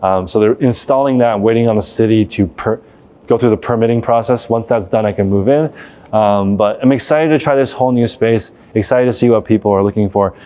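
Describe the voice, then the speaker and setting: A man's voice: fairly low pitch, fairly quick, mellow. A man speaking casually and off the cuff as a vlog host, walking through a large empty warehouse. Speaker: vlog host, reselling business owner. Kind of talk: casual unscripted walk-through tour.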